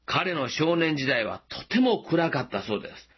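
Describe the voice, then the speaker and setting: A pastor preaches a sermon, gently asking listeners questions and slowing down for emphasis. His husky voice is on the high side and very animated, captured in a dull, lo-fi recording.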